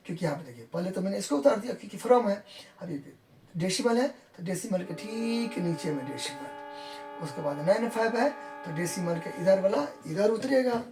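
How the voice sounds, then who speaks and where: Heard from a distance in an echoey room with faint music behind, a maths teacher walks through a lesson step by step at normal speed in an animated, slightly mellow mid-range voice. Talking in Hindi, he says numbers in English, repeats every point, and keeps checking students are following.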